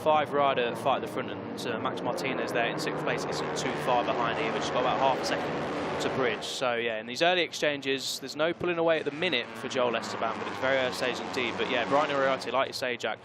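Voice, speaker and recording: Male, motorsport commentator, live race commentary, rapid conversational delivery, mid-pitched, clear track noise. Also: steady tone.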